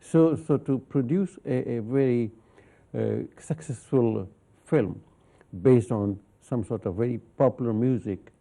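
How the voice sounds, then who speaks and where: Male interview host, gravelly voice, dark warm tone, stammers into his questions. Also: medium pitch, unhurried. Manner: stammering restarts, steady backchanneling. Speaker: talk show host. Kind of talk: conversational interview.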